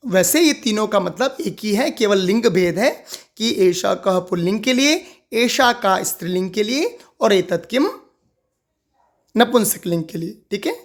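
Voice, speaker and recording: A teacher explaining a grammar lesson, asking questions aloud and answering them, repeating each key word several times. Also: medium pitch. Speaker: Sanskrit teacher.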